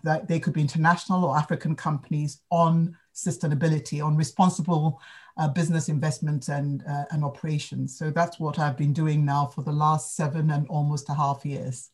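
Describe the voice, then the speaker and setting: A woman in her fifties from Ghana, answering interview questions in a measured, explanatory way. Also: sits low, little pitch movement, a little mellow. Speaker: guest, sustainability advisor.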